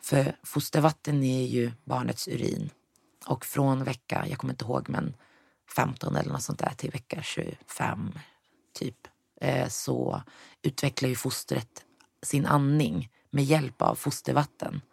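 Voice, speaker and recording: Brief: young woman, guest, gravelly fry, dry close sound, storytelling that acts out the dialogue. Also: a bass voice, a little mellow, no echo. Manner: retells events with quoted dialogue, mixes in English words. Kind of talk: personal storytelling in conversation.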